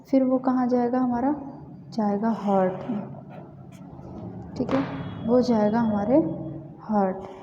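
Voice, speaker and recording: A woman teaches anatomy informally, explaining diagrams and repeatedly saying "theek hai" to check that listeners follow. Her fairly high voice is fairly even, slow and full of pauses. The roomy recording has long reverb, a dull sound and faint hiss.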